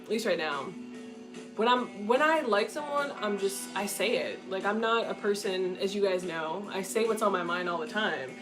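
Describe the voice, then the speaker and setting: A young woman talks straight to her livestream audience in a loose, unfiltered way, cursing freely and breaking into giggles. Her voice sits at an ordinary middle pitch. Soft guitar music plays faintly underneath. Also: lively intonation, normal speed, rough recording. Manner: candid, swears a lot, giggles often. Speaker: streamer answering viewer chat. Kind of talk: casual livestream chat.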